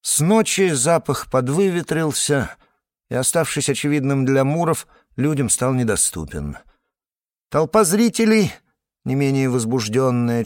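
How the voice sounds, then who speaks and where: A man reading a fantasy novel aloud in measured scripted narration. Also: mid-range voice, no echo, clean studio sound. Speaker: audiobook narrator.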